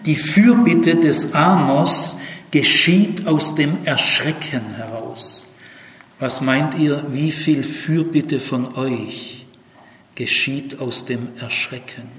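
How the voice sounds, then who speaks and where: Emphatic Bible teacher in an echoey hall. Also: male voice, on the high side, slow pace. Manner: animated, emphatic, with frequent fillers and tag questions. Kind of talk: Bible study lecture.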